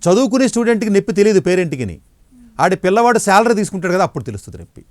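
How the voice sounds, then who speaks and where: A middle-aged man, an education counselor, giving blunt, forceful answers in an interview. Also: high-pitched, sing-song, racing, no echo.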